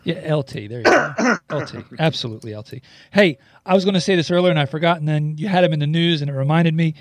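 A man's voice: fairly high pitch, expressive, quick pace, no echo. A man hosting a podcast, talking in a loose, chatty way with plenty of ums. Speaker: podcast host. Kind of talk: casual podcast chat.

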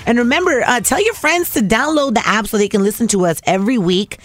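A woman's voice: a little high, fast, no room sound, soft background music. A woman co-hosting a casual podcast, chatty and laughing easily, slipping Spanish phrases into her talk. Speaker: podcast co-host. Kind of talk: casual chat.

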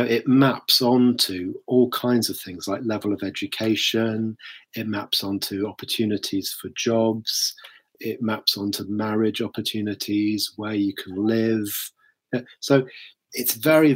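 A man's voice: fairly low pitch, slightly rough. A man answering interview questions thoughtfully, hedging with many fillers. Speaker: charity worker guest.

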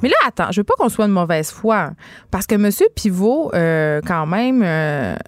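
A woman with a Québécois accent, a radio columnist chatting in a quick-witted, teasing way in the studio. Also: on the low side, sing-song, no echo. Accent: Québécois French. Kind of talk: lively radio chat. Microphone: studio microphone.

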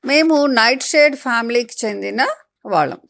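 Rich: A woman putting on a talking eggplant from a children's storybook, a cheerful know-it-all who explains things to a small child. It talks in a lively, playful, lecturing way, slightly higher than an everyday voice, and loud and bright. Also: normal speed, creaky. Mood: chatty, teaching.

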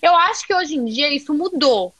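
A Brazilian woman with a high, bright voice co-hosts a casual podcast. She speaks reflectively and laughs easily, recorded close and dry with no room sound. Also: expressive, moderate pace, no echo. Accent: Brazilian Portuguese.

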